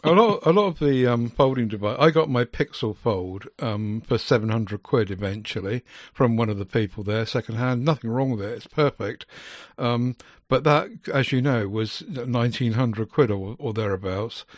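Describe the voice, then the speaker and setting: A man's voice: medium pitch, normal speed, hardly any pauses, no echo. A man chatting as a podcast co-host, rambling with many ums and restarts. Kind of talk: casual chat. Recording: dry, slightly muffled.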